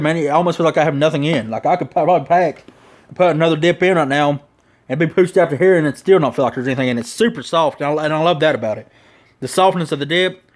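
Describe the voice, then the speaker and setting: Talking in a Southern US drawl, this man gives an easygoing product review with a somewhat high voice. He's got a lower lip full of dip the whole time, and he rambles along in a folksy, slang-heavy way.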